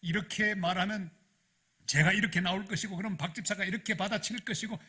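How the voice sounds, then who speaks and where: Husky, bright-voiced preaching man. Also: high-pitched, fast. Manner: animated storytelling, rising to loud emphasis. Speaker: pastor. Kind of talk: sermon.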